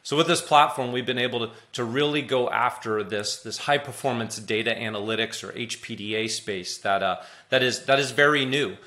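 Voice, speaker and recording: A man's voice: medium pitch, normal speed, hardly any pauses, bright, forceful tone. A middle-aged man speaking on a video-call panel, enthusiastic and repeating words as he goes. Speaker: panelist from a tech company. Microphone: webcam on a video call.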